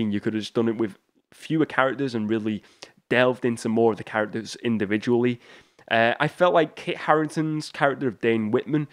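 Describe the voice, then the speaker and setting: Man, solo podcast host, casual chat, loose delivery with restarts, mid-pitched voice. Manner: chatty, loose, frequent "uh" and restarts.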